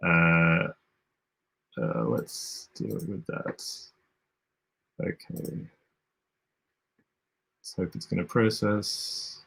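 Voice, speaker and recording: A man's voice: low-pitched, vocal fry, pushed and bright. Rambling Australian man streaming a game. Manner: rambling, thinking aloud with frequent self-corrections. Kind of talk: casual livestream commentary while playing.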